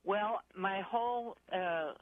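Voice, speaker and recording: A woman's voice: medium pitch, slow. A woman calling in to a radio show over the phone, hesitant and rambling as she searches for the right words. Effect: voice heard over a phone line into a radio show. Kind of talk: casual call-in question. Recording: tinny phone line.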